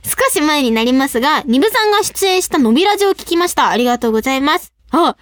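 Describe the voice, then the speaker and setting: Bubbly high-voiced woman radio host. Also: quick pace, no room sound, clean studio sound. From Saitama, Japan. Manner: bubbly, giggly, animated storytelling. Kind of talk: casual radio talk, reading listener mail. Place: radio studio. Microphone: studio microphone.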